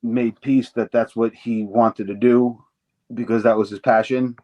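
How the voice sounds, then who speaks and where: A man's voice: medium pitch, steady tone, measured pace, muffled recording. A middle-aged man in an interview, telling stories in a rambling way, swearing freely and acting out the voices of people he quotes. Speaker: interview guest, former wrestler. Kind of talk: casual storytelling.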